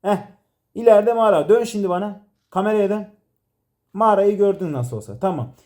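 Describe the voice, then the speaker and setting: A man's voice: high voice, brisk, dark tone. A man directing a comedy sketch, teasing and exasperated, laughing often. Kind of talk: playful directing banter.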